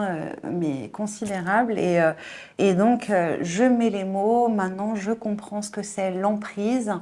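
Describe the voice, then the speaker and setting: Halting, earnest woman giving testimony. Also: medium pitch, a little mellow. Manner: halting, repeats words, filler-heavy; emotional, earnest. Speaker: interviewee. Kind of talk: personal testimony.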